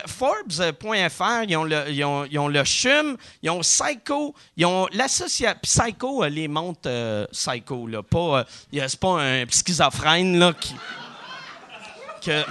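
A man's voice: high voice, pushed and bright. A man with a Québécois accent hosting a podcast, doing a crude, joking sponsor read and laughing often. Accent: Québécois French. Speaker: podcast host. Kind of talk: casual sponsor read with jokes.

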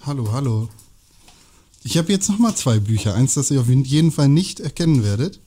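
Mellow-voiced man in casual chat. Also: mid-range voice, expressive, moderate pace. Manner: joking, reading book passages aloud. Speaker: podcast co-host. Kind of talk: casual chat among friends.

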